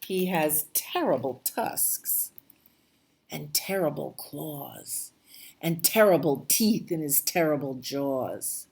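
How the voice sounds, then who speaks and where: Little storybook mouse, clever and polite, slow and warm, as a woman reads it. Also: low voice, expressive, vocal fry, slightly rough, full character voice. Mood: bold. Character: small clever brown mouse.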